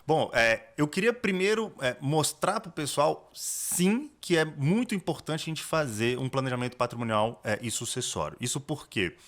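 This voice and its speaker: A man's voice: on the high side, animated, moderate pace, hardly any pauses, fairly bright tone. A man with a Brazilian Portuguese accent, a corporate lawyer explaining estate planning step by step as a podcast guest, with frequent restarts. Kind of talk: explanatory interview talk.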